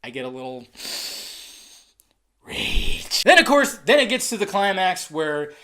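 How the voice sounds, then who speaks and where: Excitable, foul-mouthed male reviewer. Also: high voice, measured pace. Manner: excitable, profane, ranting; swings between loud outbursts and muttered asides. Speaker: movie trailer reviewer. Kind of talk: casual ranting review.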